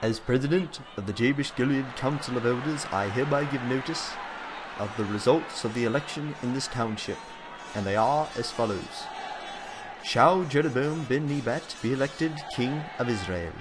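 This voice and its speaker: A man's voice: medium pitch, normal speed, noisy background, natural voice. A man playing a formal male town council elder who announces vote results in a proclaiming manner. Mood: solemn, formal.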